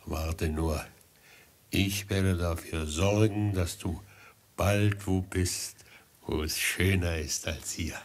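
Low-pitched and slow, with fairly even intonation, an actor performs a gleeful, talkative hangman in a 1950s radio drama. His tone is sly and soothing as he dotes on the condemned prisoner with theatrical, coaxing affection.

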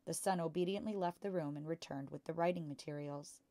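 Low-pitched woman reading a storybook. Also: brisk, warm tone, no echo. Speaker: storytime reader. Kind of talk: children's book read-aloud narration.

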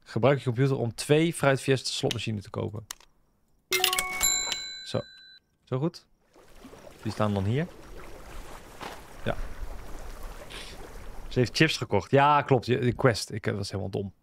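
A man's voice: medium pitch, unhurried, gravelly, long pauses, noisy background. A man casually commentating on a game he is playing, joking and bantering with the characters on screen. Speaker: gaming video host. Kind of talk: casual let's-play commentary.

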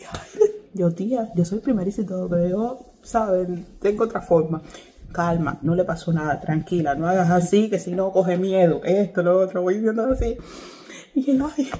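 A woman's voice: mid-range voice, mellow. A young woman vlogger telling a story casually to her viewers, chatty and laughing often as she acts out what people said.

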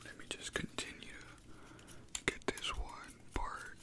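Young guy whispering a barber role-play, chill slangy chatter, small room at home. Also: a little slow. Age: young adult. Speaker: ASMR creator playing a barber.

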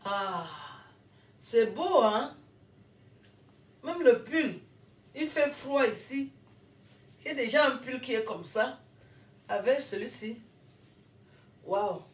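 A woman's voice: on the high side, expressive, takes it slowly, long pauses, distant mic. A woman vlogging casually as she opens gifts, exclaiming often and thanking over and over. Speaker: vlogger and comedian. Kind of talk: casual unboxing vlog. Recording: roomy echo, voice away from the mic.

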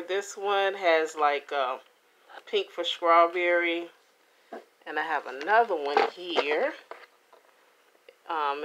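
A middle-aged woman chatting casually to the camera as she reviews food at home, with an unhurried manner. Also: lowish voice, a bit bright, a little hiss or hum, poor audio. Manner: unhurried, talking between bites with pauses and mm sounds. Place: indoors, small home room. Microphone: camera or phone at about arm's length.

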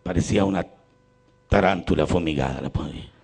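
Folksy gravelly Mexican priest. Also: male voice, deep voice, a little fast. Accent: Mexican Spanish. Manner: folksy, joking, animated. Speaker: priest leading a healing retreat. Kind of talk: storytelling sermon. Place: church.

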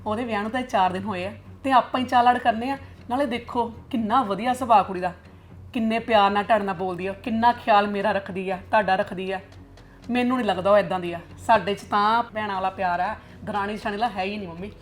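A woman's voice: medium pitch, close to an everyday voice. A young woman acting as a kind elder daughter-in-law who coaxes and soothes in a family drama. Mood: coaxing. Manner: fast, soothing, coaxing.

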